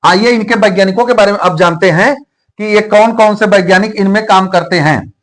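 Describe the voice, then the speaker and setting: Male biology teacher, higher pitch; repeats terms, quizzes and answers himself, shares memory tricks. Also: brisk, fairly bright tone. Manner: asks questions and answers them himself, repeats key terms. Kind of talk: explaining a biology lesson.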